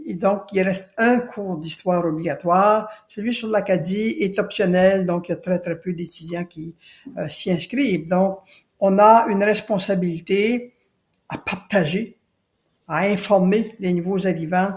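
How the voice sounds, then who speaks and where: This woman, a guest on a podcast who speaks for a citizen committee, comes from Acadia, New Brunswick. Her medium-pitched, darkish voice is unhurried, and she speaks earnestly, restating key points for emphasis.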